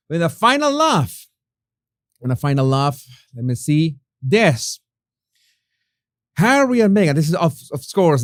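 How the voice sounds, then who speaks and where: Reading viewer comments aloud, a Venezuelan YouTuber chats in Spain-accented English with a mid-range voice. The recording is dry with clean studio sound. He's talkative, keeps restarting sentences, drops frequent fillers and chuckles at his own jokes.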